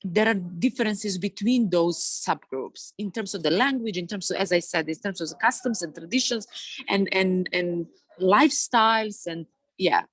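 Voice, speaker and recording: A woman from Serbia with a Serbian accent, speaking on a webinar panel in a halting way with many fillers and restarts. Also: medium pitch, fairly bright tone, breathy edge, no echo. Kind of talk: webinar discussion. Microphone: video call.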